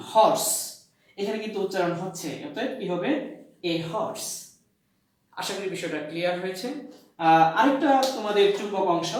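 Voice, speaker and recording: A male college English lecturer from Bangladesh teaching a grammar lesson. He asks the class questions, answers them himself, repeats key points and fills pauses with "uh". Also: sits high. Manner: hesitant, many "uh" fillers. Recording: very echoey room.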